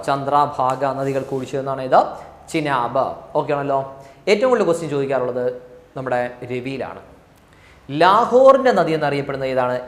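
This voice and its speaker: This exam coaching lecture comes from a male teacher with a Malayali accent, who repeats the key answers at a slow pace for drilling. His voice is mid-range, and the recording is reverberant.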